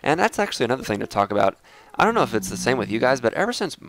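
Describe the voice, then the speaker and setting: A man's voice: medium pitch, very animated, very fast, fairly bright tone, slight background noise. A young man with a congested, stuffy voice, chatting casually while he plays a game and talks to his viewers. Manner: chatty and rambling, addresses viewers as guys. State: congested, clogged sinuses. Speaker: Minecraft let's play host. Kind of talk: casual gameplay commentary.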